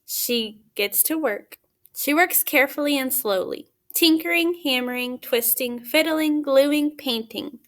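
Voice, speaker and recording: Female picture-book reader, high-pitched and unhurried, teacher addressing little kids with simple questions. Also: a bit bright. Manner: simple questions with pauses for answers. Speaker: teacher reading aloud to children. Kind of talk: picture-book read-aloud with questions to young children.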